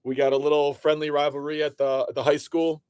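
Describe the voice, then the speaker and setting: Hosting a live sports card break, a man from Illinois chats briskly and casually, addressing viewers by name in a slightly high, level voice with a darkish tone. His voice is a little off, and a bit of hiss or hum sits in the audio.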